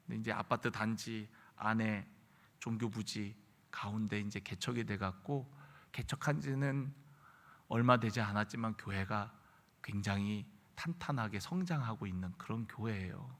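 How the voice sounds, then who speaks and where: A man's voice: fairly low pitch, normal speed, a bit bright. A man preaching a midweek sermon as pastor, telling a story earnestly and rising to emphatic peaks. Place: church sanctuary. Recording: reverberant church hall.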